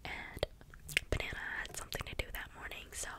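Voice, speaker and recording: A young adult ASMR video creator whispers softly and breathily at a fairly quick pace, rambling casually through everyday stories and drifting into tangents.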